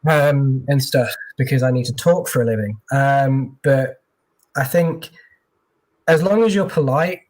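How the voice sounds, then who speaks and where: A man's voice: mid-range voice, measured pace, a little mellow. A man working as a tech recruiter, chatting casually in an interview with lots of fillers and restarts, heard over a video call.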